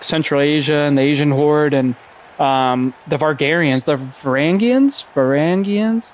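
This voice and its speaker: A young man from Russia rambles through a solo podcast in a slightly high voice, dropping fillers and swear words and cracking jokes at his own expense. Faint background noise sits under his voice. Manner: rambling, profane, self-deprecating, lots of fillers. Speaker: podcast host. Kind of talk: casual rambling podcast monologue.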